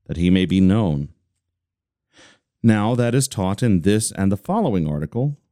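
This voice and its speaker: A man giving a measured, deliberate reading of a religious catechism. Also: on the low side, no room sound, studio quality. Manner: deliberate, steady, slowing on listed phrases. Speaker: reader of a devotional text.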